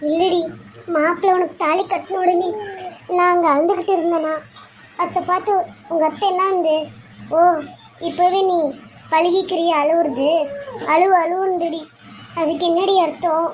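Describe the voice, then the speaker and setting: A woman's voice: very high voice, steady tone, normal speed, pauses often, slight background noise. A woman voicing a tearful, anxious middle-aged mother in a cartoon serial, weepy and worried.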